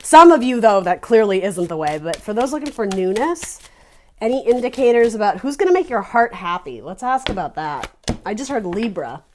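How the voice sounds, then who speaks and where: A woman giving a casual tarot reading, chatty and animated, restarting her sentences and laughing between thoughts. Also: mid-range voice, normal speed, slight background noise. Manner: laughs often while talking. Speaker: tarot reader.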